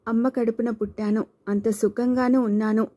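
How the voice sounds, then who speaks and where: A woman reading the lines of a gentle young man who recites a sorrowful riddle in a steady, even voice in a storybook. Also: a little high, normal speed, close to an everyday voice.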